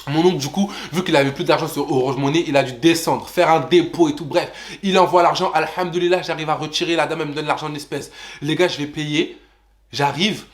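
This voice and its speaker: High-voiced man telling a lively storytime. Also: brisk. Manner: animated, addresses viewers as "les gars", jumps into high voices for quotes. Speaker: vlogger. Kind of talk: storytime vlog.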